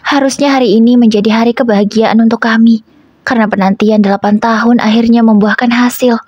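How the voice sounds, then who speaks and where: Woman reading out a sad first-person story, breathy, emotional. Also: on the high side, steady tone, a little fast, darkish tone, no echo, dull audio.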